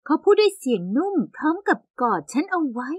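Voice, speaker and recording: A young woman narrating an animated story in the first person with lively, exaggerated storytelling. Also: high-pitched, fairly quick, no echo, studio quality.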